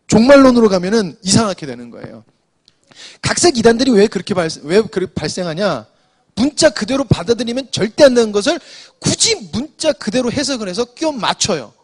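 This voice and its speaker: A man's voice: high voice, darkish tone, slightly rough. A man preaching an afternoon church sermon, explaining scripture to the congregation and often restarting with "so" to move on. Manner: explanatory, addresses congregation with frequent "자".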